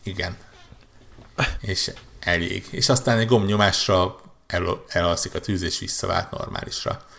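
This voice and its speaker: A man's voice: low voice, steady tone, vocal fry, fairly bright tone. A man on a podcast, chatting casually about video games, rambling with many restarts and repeated words. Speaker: podcast co-host. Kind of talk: casual gaming chat.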